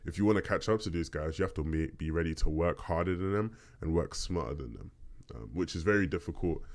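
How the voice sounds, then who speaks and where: Casting: male podcast host, deep low bass, casual solo question-and-answer delivery, conversational. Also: brisk. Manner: conversational, checks in with "right?".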